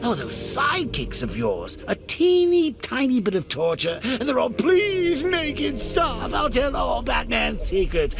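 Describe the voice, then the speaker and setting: A man's voice: phone-quality sound, heavily acted. An actor playing the Joker, a mocking middle-aged male criminal clown in a video game, theatrical and taunting, with bursts of manic laughter. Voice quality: gravelly, theatrical, swooping pitch.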